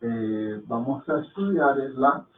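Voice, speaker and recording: A man's voice: medium pitch, expressive, a little hiss or hum. A man teaching a Hindi class in a patient way, often checking that his students follow. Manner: patient, explains slowly and checks understanding with frequent "¿sí?". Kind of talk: online language class. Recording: tinny phone-like line.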